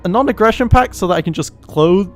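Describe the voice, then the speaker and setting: A man talks through a head-to-head strategy game in a loose, joking way, often stumbling and restarting his sentences. His voice sits a little high for a man. Faint game music plays underneath. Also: expressive, fast. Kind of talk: casual gameplay chat.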